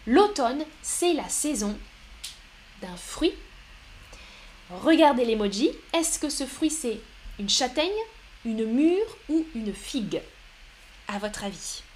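A woman's voice: fairly high pitch, lively intonation, takes it slowly, pauses often, slight background noise. A woman teaching French on a live stream, explaining patiently and greeting viewers in the chat. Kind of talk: live-streamed language lesson.

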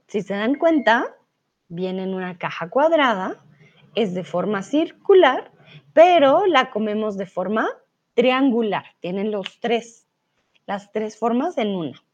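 A woman teaching Spanish in a live online lesson, chatting and reading viewers' comments aloud, saying words slowly and carefully for learners. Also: fairly high pitch, a little mellow. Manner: slow, careful pronunciation for learners. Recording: slightly dull, lo-fi sound.

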